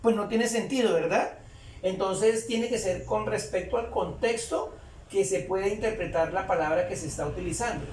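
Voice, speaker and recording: A man teaching English grammar in Spanish, explaining slowly and repeating phrases as he writes on a board. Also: high voice, darkish tone, recorded from a distance, a little hiss or hum. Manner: slow, repeats phrases while writing. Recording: echoey room, voice away from mic.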